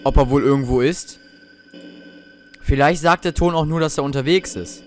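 Playing a horror video game, this young male let's play host speaks at a moderate pace in a fairly high voice. Jumpy and muttering to himself, he swears and comments as he plays.

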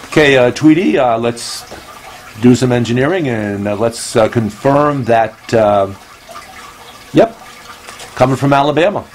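Male comedy host, slow and meandering, recorded on a phone at home with faint room noise behind. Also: medium pitch, animated, a little mellow, rough recording. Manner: rambling, meandering delivery. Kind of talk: comedic monologue.

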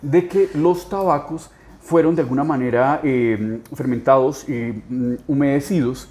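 A man's voice: mid-range voice, measured pace, darkish tone. A Colombian man hosting an interview, asking long, thoughtful, winding questions in a conversational way. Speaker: host.

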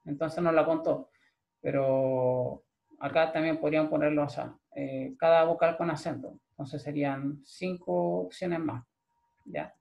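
A man's voice: fairly high pitch, steady tone, a little slow, vocal fry, a little mellow, lo-fi sound. A male programming lecturer with a Chilean accent, explaining step by step and checking in with a frequent "¿ya?". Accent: Chilean Spanish. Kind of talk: recorded screen-share class.

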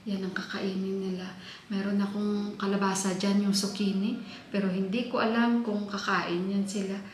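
A woman's voice: mid-range voice, little pitch movement, normal speed. A woman from the Philippines, talking casually to her vlog viewers from home on a handheld phone camera and calling them "guys" every few words. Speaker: vlogger. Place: home, indoors.

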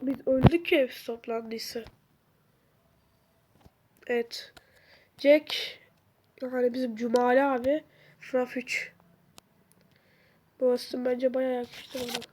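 A woman commentating a horror game, sick with a sore throat, jumping between nervous mutters and sudden yells at the screen. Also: sits high, flat delivery, slow pace, pauses often. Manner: jumpy, yells and curses at the game. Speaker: gaming video host. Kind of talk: excited let's-play commentary.

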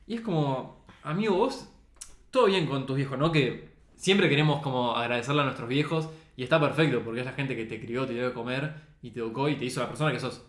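A man's voice: mid-range voice, fast. A young man with a Rioplatense Spanish accent, a podcast guest and photographer talking earnestly in casual chat, full of slang fillers. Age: young adult. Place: recording studio. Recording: roomy studio echo.

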